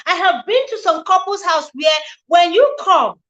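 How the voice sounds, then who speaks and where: A relationship show host in her forties speaks in an extremely high, sing-song voice, slightly slow and fairly bright, with the highs cut off. She hosts a live talk earnestly, in a repetitive, preachy cadence, greeting viewers by name.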